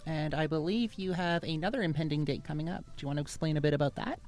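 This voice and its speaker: Low-pitched woman hosting a chatty podcast. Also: steady tone, fast talker, darkish tone, soft background music. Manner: friendly, chatty, reads plugs and warnings. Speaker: podcast host. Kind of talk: casual podcast intro and interview.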